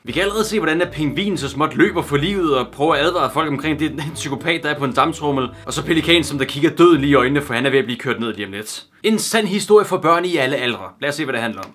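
A man's voice: fairly high pitch, few pauses, fairly bright tone. A man giving crude, sarcastic comic commentary while reading a children's book aloud as a YouTuber.

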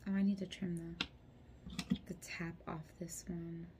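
A woman in her thirties, a beauty vlogger who sounds a little congested, chats and giggles casually while applying makeup for a tutorial close to the camera. Her voice is lowish, slow and fairly even in pitch. She's indoors in a small room at home, with some background noise.

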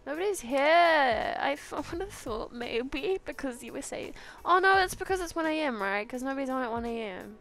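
High, giggly young New woman gamer. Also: brisk, few pauses, faint music behind. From New Zealand. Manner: chatty, giggly, excitable. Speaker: gaming channel host. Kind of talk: casual let's-play commentary.

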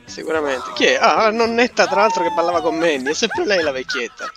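Lively man commenting on a game. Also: high-pitched, brisk. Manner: joking, talks to the game characters, lively exclamations. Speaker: gameplay commentator. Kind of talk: casual let's play commentary. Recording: game music loud behind. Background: loud game music and vehicle sounds.

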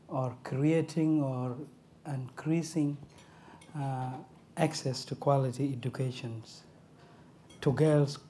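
A man in his thirties from South Sudan giving a halting, earnest keynote speech at a conference lectern. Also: medium pitch, mellow, slight background noise. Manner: halting and earnest, with many "uh" pauses. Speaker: foundation director. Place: large conference hall stage. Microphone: lectern microphone.

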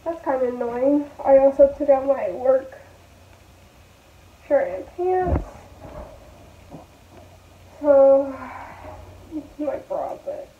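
Packing clothes in her small bedroom, a young woman in her twenties talks to her viewers and muses aloud for a laid-back vlog. She speaks slowly with long pauses, recorded by a phone resting low on the floor. The audio is echoey and tinny, with a faint hiss or hum.

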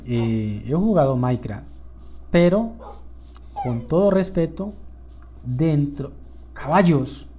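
A young man giving excited, rambling commentary over a survival game, often calling out to his viewers. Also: medium pitch, vocal fry, slight background noise. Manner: enthusiastic, easily excited, addresses viewers as "señores". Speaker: gameplay video host. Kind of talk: live gameplay commentary.

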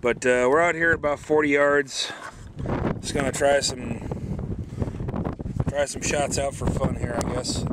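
Male vlog host, thirties, casual step-by-step explainer, mid-pitched, recorded outdoors on a camera mic with very loud wind. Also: fairly even intonation, measured pace, pauses often. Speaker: gun video host. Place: outdoors at a windy dirt shooting range. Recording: very loud wind noise on microphone.

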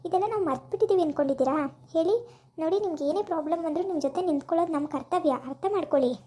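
[name], a woman voicing an insistent young wife, scolding questions, very high voice, brisk rapid delivery, amateur village drama. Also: warm tone. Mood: earnest.

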